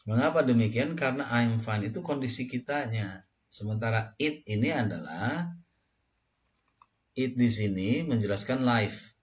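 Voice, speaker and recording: A man teaching an English lesson, explaining slowly and modelling phrases for listeners to repeat. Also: mid-range voice, lively intonation, dull audio. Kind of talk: language lesson.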